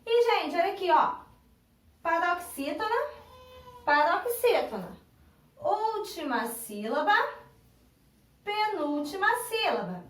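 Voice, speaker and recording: Brazilian woman teacher, slow, repeats and spells syllables, recorded across an echoey classroom. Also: very high-pitched, sing-song. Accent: Brazilian Portuguese. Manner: patient, spells out syllables slowly and repeats words. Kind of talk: recorded online classroom lesson. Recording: echoey room, voice from a distance.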